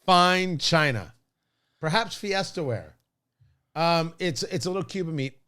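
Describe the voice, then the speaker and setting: A man's voice: a little high, expressive, normal speed, fairly bright tone. A man hosting a podcast, bantering casually with an exasperated, sarcastic manner. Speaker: podcast host.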